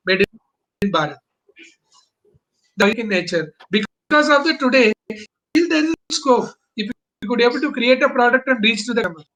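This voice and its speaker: A man's voice: very high voice, pushed and bright, poor audio. A man from Bangalore, explaining business as an interview guest in emphatic, choppy phrases with rhetorical questions. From Bangalore, India.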